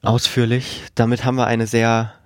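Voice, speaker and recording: A man hosting a casual podcast, relaxed and lightly joking as he wraps up the episode. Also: mid-range voice, moderate pace, smooth, no echo, studio quality. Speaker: podcast host.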